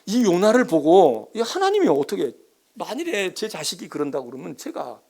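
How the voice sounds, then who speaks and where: A male pastor preaches in a church with an animated, talky and emphatic delivery, his pitch leaping widely. His voice sits fairly high for a man and carries a gravelly rasp. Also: moderate pace. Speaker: senior pastor. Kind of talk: sermon.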